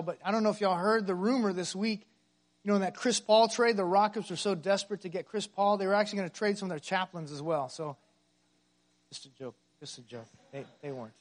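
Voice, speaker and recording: A man's voice: sits high, fairly even intonation, quick pace. A pastor delivering a sermon to his congregation, emphatic and full of rhetorical questions.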